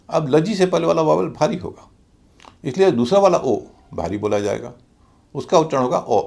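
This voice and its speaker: A male teacher, his voice gravelly with fry. He moves between high and low pitch in a lively way. He spells out letters one by one, slowly and with care. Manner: slow, deliberate spelling out of letters and syllables. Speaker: English pronunciation teacher. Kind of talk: scripted lesson.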